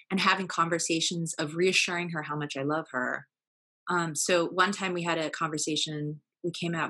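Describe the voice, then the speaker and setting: A woman's voice: low voice, pushed and bright. A young woman as a podcast guest, earnestly telling a personal family story with fillers and restarts.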